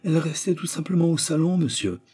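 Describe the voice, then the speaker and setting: A man's voice: on the high side, lively intonation, fairly quick, mellow, slightly rough, pitched above the performer's own voice. A man voicing a talkative, respectable middle-aged landlady in an audiobook, eager and fussy about her rent. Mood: chatty. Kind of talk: audiobook character voice.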